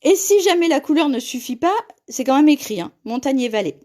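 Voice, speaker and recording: A woman's voice: sits high, expressive, fairly quick, dark tone. A woman hosting a live paper-craft tutorial, chatting with viewers and laughing often as she reads their comments.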